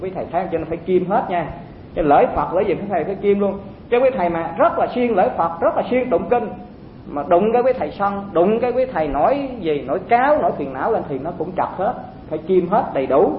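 A high-voiced man gives a chatty dharma talk to a hall of monks and stops to ask them questions. The recording is roomy and echoing. It sounds thin, as over a phone line, with a faint rumble underneath. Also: animated, fast. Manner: conversational, asks listeners rhetorical questions. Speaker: Buddhist teacher addressing monks.

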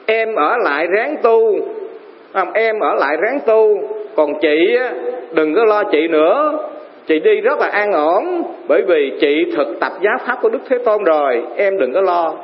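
A man voicing a calm dying young woman, speaking slowly and gently in a sermon story. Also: sits high. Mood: serene. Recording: reverberant hall, dull lo-fi sound.

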